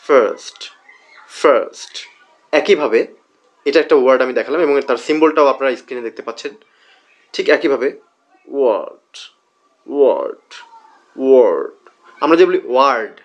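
A man whose first language is Bengali, teaching English pronunciation in a screen-recorded lesson, patiently repeating model words slowly with many hesitation sounds. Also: fairly high pitch.

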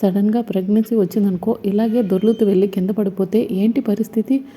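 A fretful older aunt scolds in a hurried, worried tone, as a woman narrator reads her lines. The voice is husky and mellow, and her pitch lifts a little higher as the worry comes through. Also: fairly even intonation, lightly acted. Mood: anxious scolding.

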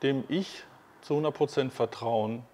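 A man's voice: mid-range voice, a little slow, dark tone. Chatty man in a workshop hall. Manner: chatty, enthusiastic, many fillers and restarts. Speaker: host. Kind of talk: casual interview. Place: large workshop hall beside a motorhome.

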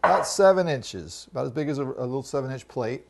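In a home kitchen, a middle-aged chef guides kids step by step through a recipe with patient instruction. He speaks quickly and expressively in a mid-range voice with vocal fry.

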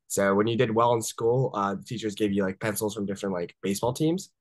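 Fast-talking and fairly low-pitched, a man in his twenties tells casual interview stories over a video call from his home, with no echo on the recording. Born in Japan and raised in the Washington DC area, the startup founder is chatty, quick to laugh, and full of fillers like "uh" and "like."

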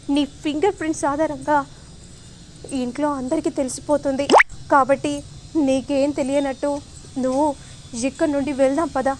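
A woman's voice: high-pitched, darkish tone, slight background noise, lightly acted. A woman reading as a scheming, urgent mother. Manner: urgent, coaxing. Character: scheming middle-aged mother, cool and urgent.

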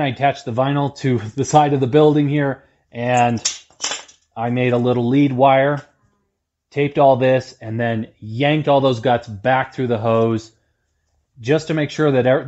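Dull audio captures a medium-pitched man's voice with a darkish tone. The welding video host, in his thirties, gives a casual repair demonstration in an indoor workshop with a corrugated metal wall, talking plainly and self-deprecatingly.

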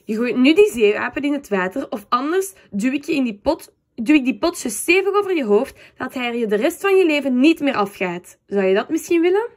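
A woman's voice: a little high, sing-song, brisk. A woman voicing Andy, an impatient and bossy young man in a storybook, speaking emphatically and with exasperation. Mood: furious.

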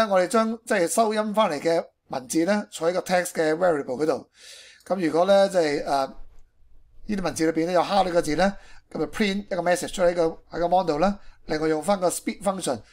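Speaking quickly in a high voice, a Hong Kong-accented man walks through an informal programming screencast. He explains things casually and drops in English technical terms along the way.

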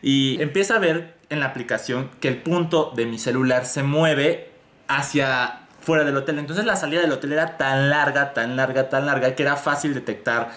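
A young Mexican man vlogger telling a story in a relaxed, chatty way. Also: medium pitch, moderate pace, reverberant. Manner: relaxed, chatty, laughs easily. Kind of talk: casual storytelling.

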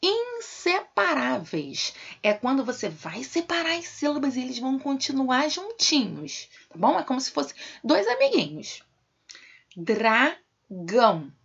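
A woman's voice: a little high, gravelly, husky. A Brazilian woman teaching young children remotely, calling herself "tia" and using fond diminutives. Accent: Brazilian Portuguese. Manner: addresses pupils warmly as "tia" with diminutives. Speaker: primary school teacher. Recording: dull lo-fi home video sound.

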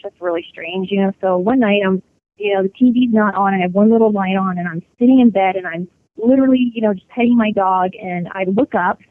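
A woman telling a personal ghost story in an interview, chatty, with many fillers and restarts. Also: medium pitch. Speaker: interview guest. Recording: phone-line sound.

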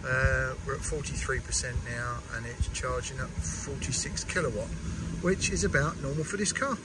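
A man's voice: medium pitch, steady tone, moderate pace. A man in his forties from England, vlogging casually from inside a small car, rambling with lots of ums. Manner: chatty, rambling with many ums and restarts. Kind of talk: casual vlog commentary. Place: inside a small car, then outdoors by a charger. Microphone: action camera mounted in the car. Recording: distant camera mic with loud road noise.

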